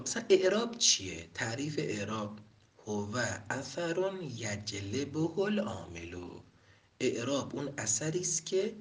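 A man's voice: lowish voice, a bit bright, distant mic. A man teaching Arabic grammar in a classroom lecture, reading Arabic lines and explaining each step by step.

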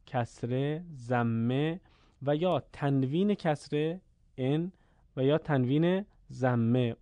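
A man teaching the rules of pausing in Quran recitation, explaining calmly and stopping to chant short verses slowly. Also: medium pitch, no room sound. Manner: asks the listener questions and answers them. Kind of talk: tajweed lesson with recited examples.

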